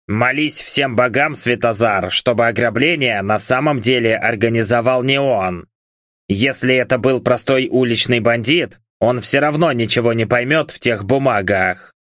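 A man voicing a hoarse angry baron. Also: medium pitch, normal speed, fairly bright tone, no echo, studio quality, close to an everyday voice. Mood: brooding. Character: hoarse drunken angry middle-aged male baron.

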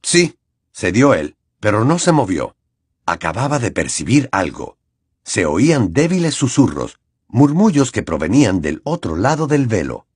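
A man narrating an audiobook in an expressive, dramatic reading. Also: lowish voice, normal speed, breathy edge, no room sound, clean studio sound. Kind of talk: scripted narration.

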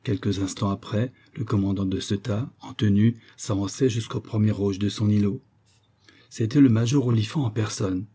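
Male audiobook narrator, low-pitched husky voice, steady plain reading. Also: moderate pace. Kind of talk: scripted narration of a classic novel.

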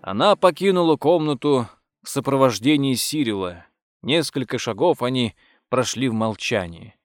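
Man narrating an audiobook, wry and measured. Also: mid-range voice, lively intonation, no echo, studio quality, faint music behind. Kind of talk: scripted narration.

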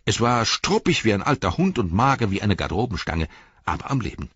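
A man's voice: fairly low pitch, big pitch swings, fairly quick, a bit bright, slightly rough, no echo, voice pushed up, heavily acted. A man voicing a chatty, anxious middle-aged innkeeper in a storybook reading, with a rambling, fussy manner. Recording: dull lo-fi recording.

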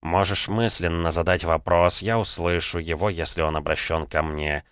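A man voicing a male talking cat, the guardian of a castle, who speaks slowly, low and dry with a mocking tone. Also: steady tone, a bit bright, clear, resonant tone, dry recording.

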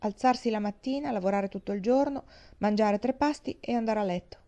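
A woman reading as a gruff, grumbling old uncle. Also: on the high side, brisk, mellow, highs cut off, lightly acted. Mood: grumbling, sardonic. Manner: blustering, sardonic.

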